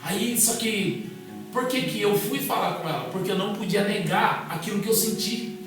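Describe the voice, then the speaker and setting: A man's voice: high voice, normal speed. A man, a guest pastor telling a personal testimony in casual conversation, acting out the dialogue as he goes. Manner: animated storyteller acting out dialogue. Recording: echoey room, distant mic, music underneath.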